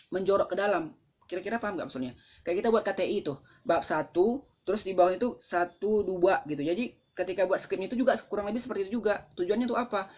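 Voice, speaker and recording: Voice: medium pitch, darkish tone. A mentor with an Indonesian accent giving a casual live-stream talk on presentation skills, conversational with frequent fillers. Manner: conversational, explains with acted examples, frequent fillers. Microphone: phone. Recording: slightly dull lo-fi live-stream audio.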